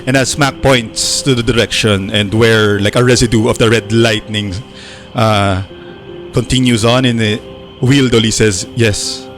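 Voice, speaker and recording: A man in the role of dungeon master, narrating a tabletop game in a relaxed, unhurried way with many filler words. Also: fairly low pitch, faint music behind.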